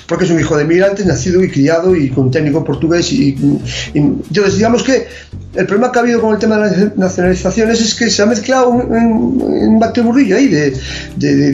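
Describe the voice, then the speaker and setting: A man's voice: fairly high pitch, darkish tone. Opinionated man in a roomy, dull recording. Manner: opinionated, analytical. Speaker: athletics expert guest. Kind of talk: conversational interview answers.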